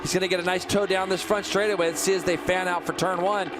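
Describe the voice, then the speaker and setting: A man giving live motorsport commentary as the race analyst, excitable and explanatory. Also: sits high, fast, heavy background noise.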